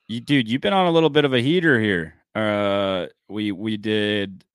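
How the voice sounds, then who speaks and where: A young man hosting a casual podcast, excitable and loud, rambling and swearing freely. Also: lowish voice, moderate pace, clear, resonant tone, no echo, clean studio sound. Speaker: podcast host.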